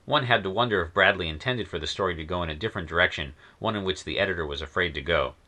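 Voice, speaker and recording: A man narrates a scripted review of old science fiction stories in a period persona, wry and enthusiastic with sardonic asides. His voice is fairly low-pitched, bright and forceful.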